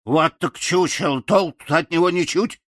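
A man voicing a cheeky, mocking female crow with a croaky voice. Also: fairly high pitch, moderate pace, fairly bright tone, a little hiss or hum, voice pushed up, natural voice. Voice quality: hoarse croaky.

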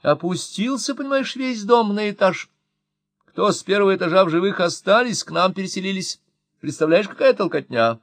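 A woman's voice: mid-range voice, animated, normal speed, no room sound, pitched above the performer's own voice. A man voicing a chattering young daughter. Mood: matter-of-fact. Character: young daughter, flat and matter-of-fact. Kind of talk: audiobook reading.

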